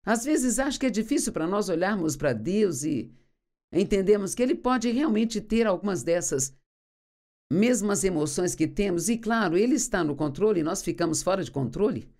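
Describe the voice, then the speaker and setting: A woman's voice: mid-range voice, lively intonation, normal speed, a little mellow. A woman giving an earnest sermon teaching as a dubbed voice-over, reading scripture aloud and explaining it. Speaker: Bible teacher.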